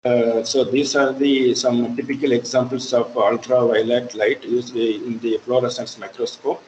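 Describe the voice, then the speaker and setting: A mid-pitched man with an Indian English accent teaches an online class at a steady, careful pace. He stops often on fillers as he works through each point. A faint hum sits behind his voice. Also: unhurried, rough recording. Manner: hesitant, many fillers. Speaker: lecturer. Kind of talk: online lecture.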